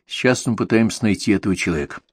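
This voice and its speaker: A man's voice: on the low side, very fast, husky, no echo, clean studio sound, voice pushed up. A man doing a brash young crime underling. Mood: businesslike. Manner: excitable, loud when angered. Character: young, brash male go-between of a crime boss.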